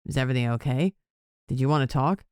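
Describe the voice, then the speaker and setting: An earnest male police chief, gentle and unsure, who stumbles and lets sentences trail away, put on by a woman narrator. The voice drops well below her own and stays dry and close in this storybook reading. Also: extremely low pitch, clear, resonant tone, no echo, pitched below the performer's own voice. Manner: halting, trails off.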